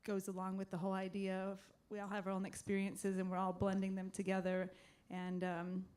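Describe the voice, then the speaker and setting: A woman's voice: mid-range voice, monotone, fairly quick. A woman musician introducing her song in thoughtful, casual stage talk with frequent fillers, into a stage microphone at a live music event. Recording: echoey live room with loud music.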